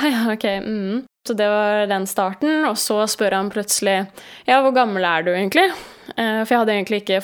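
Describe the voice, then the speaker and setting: A woman in her twenties telling a dating story in casual conversation, lively and laughing, with many fillers. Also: mid-range voice, clear, resonant tone.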